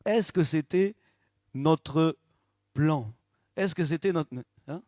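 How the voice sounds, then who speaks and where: A man's voice: fairly high pitch, takes it slowly, dry recording. Dry, close-miked male pastor preaching. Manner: lively, often asks the congregation "n'est-ce pas?" and jokes. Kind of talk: church testimony and sermon. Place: church service. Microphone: handheld microphone.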